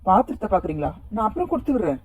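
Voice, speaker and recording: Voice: mid-range voice, very animated, racing, breathy edge, dry recording, lo-fi sound. A voice actor playing a friendly, teasing young man in a cartoon, speaking in a coaxing, easygoing way. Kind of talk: cartoon voice acting.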